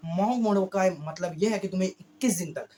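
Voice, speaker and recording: A male YouTube creator with a hoarse voice, giving a casual motivational monologue slowly, often stumbling and correcting himself. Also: high voice, dark tone, a little hiss or hum. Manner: talks slowly on purpose, with frequent slips and self-corrections.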